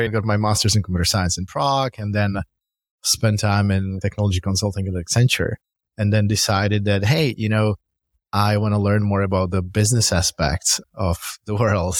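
A middle-aged startup founder and CEO from the Czech Republic, speaking with a Czech accent, answers interview questions in a conversational, explanatory way. His voice is on the low side, and the recording is dry.

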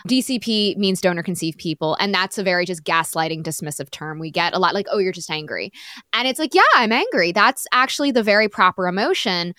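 A woman's voice: fairly low pitch, fairly quick, bright, forceful tone, no echo, clean studio sound. A young woman speaking as an interview guest, outspoken and passionate, swearing freely and slipping into sarcastic mocking impressions. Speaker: podcast guest. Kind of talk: candid conversational interview.

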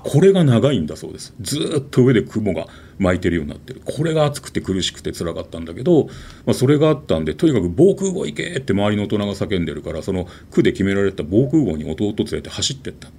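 A man telling a ghost story in an animated, dramatic way, with vivid sound words. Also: sits low, quick pace, hardly any pauses, husky.

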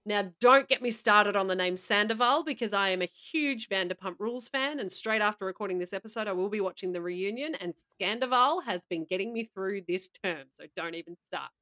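A woman's voice: mid-range voice, fairly quick, few pauses, pushed and bright. A woman co-hosting a casual podcast, reading out stories with playful asides and laughter. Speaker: podcast co-host.

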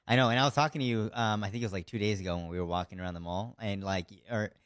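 Laid-back man hosting, low voice. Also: rapid-fire, a bit bright, no echo, studio quality. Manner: casual and laid-back, with frequent "yeah" backchannels and mild swearing. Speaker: podcast host. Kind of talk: casual interview conversation.

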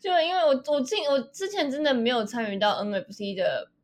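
A woman co-hosting a casual podcast chat with a sharp, quacking duck-like voice, speaking playfully and teasing herself. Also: on the high side, big pitch swings, a little fast. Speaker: podcast co-host.

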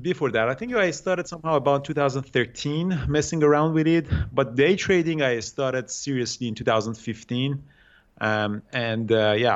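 This Iranian man in his thirties, appearing as a guest day trader, stumbles through interview answers in his Iranian accent, restarting often and leaning on fillers. His voice is mid-range and the audio sounds dull.

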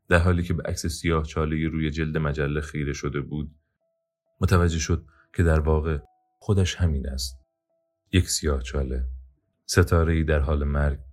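A man reading an audiobook in a steady, measured narration. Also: very deep voice. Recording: faint background music.

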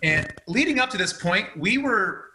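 A man's voice: high voice, lively intonation, moderate pace, sharp tone, a little hiss or hum, low-quality recording. A man as an interview guest, earnestly telling his family's story in a casual, confessional way.

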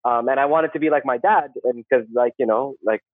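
Male interview guest, conversational and halting with repeated phrases, close dry sound with limited bandwidth. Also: medium pitch, no echo, phone-quality sound. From Saudi Arabia. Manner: rambling, halting, repeats words and phrases, often tags "right?". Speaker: podcast guest, social worker. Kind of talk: casual interview, personal storytelling.

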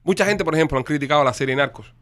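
Cuban co-host, very quick talker, emphatic, dry close recording. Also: male voice, on the high side, fairly bright tone, dry recording. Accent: Cuban Spanish. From Cuba. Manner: rapid-fire, emphatic, opinionated. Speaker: podcast co-host. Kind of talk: casual chat.

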